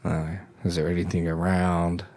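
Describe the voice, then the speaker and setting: Low-voiced man playing a tabletop game. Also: little pitch movement, normal speed, a little mellow. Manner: casual, asks lots of questions. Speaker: player. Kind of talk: casual tabletop play.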